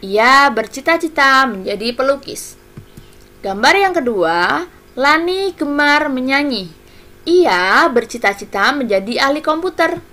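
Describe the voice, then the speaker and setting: A woman teaches young pupils, explaining each point slowly and patiently. Her voice sits a little high and sounds bright and forward. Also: animated. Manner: patient, explaining step by step to children. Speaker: primary school teacher. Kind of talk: online music lesson for children.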